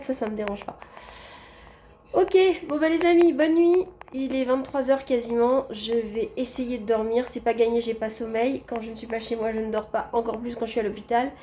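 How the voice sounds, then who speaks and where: A woman's voice: a little high, dark tone, slight background noise. A woman vlogging casually from a hospital room, chatting directly to her viewers on a handheld phone. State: tired after anesthesia. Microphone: phone held in hand.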